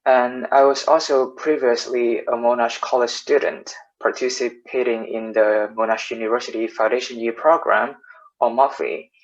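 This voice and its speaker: A man's voice: mid-range voice, little pitch movement, normal speed. A young man from Vietnam, a university student, answering questions in a fluent, composed way over a video call. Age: young adult. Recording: dull lo-fi audio.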